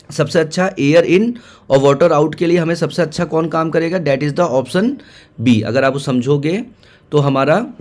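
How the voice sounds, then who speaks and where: A man teaching, walking students through exam questions and repeating key points as he mixes in English terms. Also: a little high.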